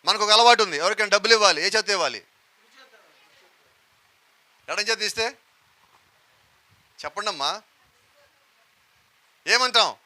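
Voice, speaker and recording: Bright, high-voiced preaching man. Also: unhurried, pauses often. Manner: preaching with questions to the congregation. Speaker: pastor. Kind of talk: sermon.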